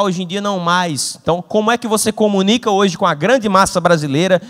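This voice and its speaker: A young man giving a humorous motivational talk at an event, telling stories with acted-out dialogue. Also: high voice. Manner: animated storytelling with acted-out dialogue. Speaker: invited speaker. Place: event hall. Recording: long hall reverb.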